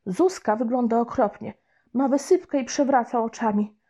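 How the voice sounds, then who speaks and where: A woman's voice: a little high, normal speed, pitched above the performer's own voice. A woman voicing a mischievous young boy who tells exaggerated fibs, in a storybook reading. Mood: fibbing, playful. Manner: lively, exaggerated fibbing. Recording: dull lo-fi recording.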